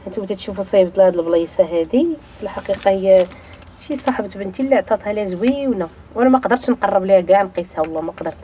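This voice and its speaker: A woman's voice: mid-range voice, rapid-fire, warm tone, slight background noise. A woman with a Moroccan accent, chatting straight to her viewers in a home vlog filmed on a phone. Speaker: vlogger. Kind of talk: casual chat to viewers. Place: home balcony. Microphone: phone held while filming.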